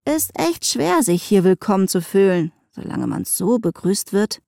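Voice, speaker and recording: A blunt, bullish young rancher from a storybook, complaining in a brash and mocking way, read out by a woman. The voice is dark and mellow, and it sits close and dry with no room sound. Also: mid-range voice, big pitch swings, measured pace, vocal fry, no echo. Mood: sneering.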